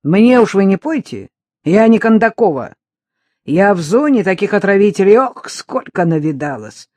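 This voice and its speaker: A reader doing a brash, loud ex-convict young woman. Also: medium pitch, expressive, slow pace, no room sound. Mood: indignant. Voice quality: loud, mocking, laughing.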